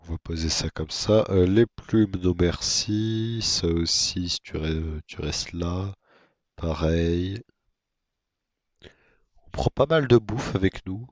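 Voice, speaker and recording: A man giving casual, monotone commentary on his own gameplay, with self-mocking asides. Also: low voice, takes it slowly, no echo, dull audio. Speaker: gaming video creator.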